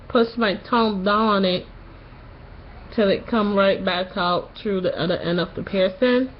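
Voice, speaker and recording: A woman in her late twenties giving a casual personal update in a halting way, a little tired and recovering from tonsil surgery that morning. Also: medium pitch, dull audio, a little hiss or hum. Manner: slow, halting delivery with long pauses. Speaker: vlogger.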